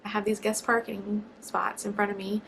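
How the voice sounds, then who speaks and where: Young woman, vlogger, gravelly, emotional storytelling, faint background hiss. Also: mid-range voice, level tone, normal speed, a bit bright, low-quality recording. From Georgia, USA. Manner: chatty, many fillers, near tears.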